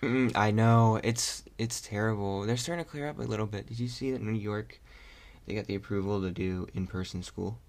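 A man's voice: lowish voice, brisk, a little mellow. A young man hosting a podcast in casual chat, rambling and hesitant with lots of fillers. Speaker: podcast host.

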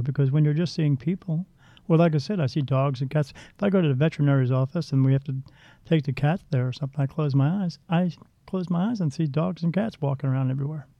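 A man with a voice on the high side, working as a psychic medium, tells stories bluntly and ramblingly, restarting frequently, in a casual interview. The recording is dull, lo-fi and dry.

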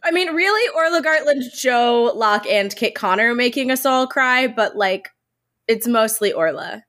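A woman's voice: on the high side, expressive, unhurried, a bit bright. A woman co-hosting a podcast in casual, jokey chat, with a stuffy nose from a head cold. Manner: jokey, laughs often. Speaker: podcast co-host. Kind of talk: casual chat about a TV episode.

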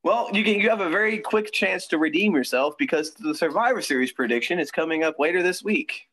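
A man's voice: a little high, expressive, brisk, fairly bright tone, low-quality recording. A young man co-hosting a podcast in casual chat, talking easily with frequent ums and laughs. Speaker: podcast co-host. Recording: dry close sound.

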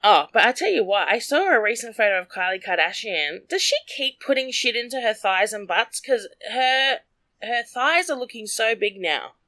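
A woman's voice: on the high side, lively intonation, moderate pace, pushed and bright. A woman chatting casually about celebrity gossip, bluntly, with lots of "like" fillers.

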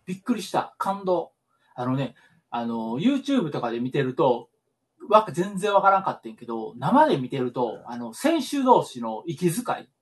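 A man with a Kansai accent chats casually, telling a story with a lively, swooping voice. He breaks into acted-out shouts, and his voice sounds a little choppy over an online call. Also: fairly high pitch, normal speed. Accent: Kansai Japanese. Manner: animated storytelling, acts out shouted corner-man lines. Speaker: podcast co-host. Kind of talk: casual chat.

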